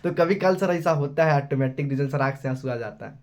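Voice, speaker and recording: A man's voice: mid-range voice, a little fast. A young man with a Bihari accent teaching maths in a live class, chatty and scolding, calling his students beta. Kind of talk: casual Hindi live class.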